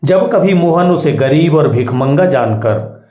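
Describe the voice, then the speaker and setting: Slow, measured male storyteller. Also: fairly high pitch, lively intonation, warm tone. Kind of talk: storybook narration. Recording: echoey room.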